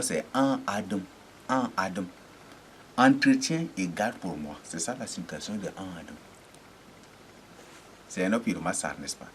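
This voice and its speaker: A man preaching a teaching sermon, halting and repeating words, often asking rhetorical checks. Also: deep voice, a little hiss or hum.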